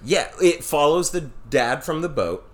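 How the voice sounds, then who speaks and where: A man's voice: fairly high pitch, animated, a little slow. A man co-hosting a podcast in casual chat, talking loosely and swearing offhandedly. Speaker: podcast co-host.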